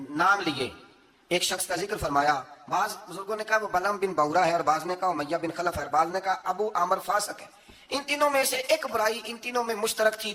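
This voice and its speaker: A man delivering a sermon. He tells stories and laughs lightly as he goes, weaving in recited verses and couplets. His tone stays unhurried and conversational. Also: high voice, pushed and bright. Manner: storytelling with frequent chuckles. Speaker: preacher.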